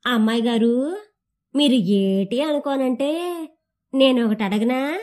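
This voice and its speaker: A woman's voice: fairly high pitch, takes it slowly, a little mellow. A woman voicing a chatty, teasing young maidservant who speaks in a rustic village dialect.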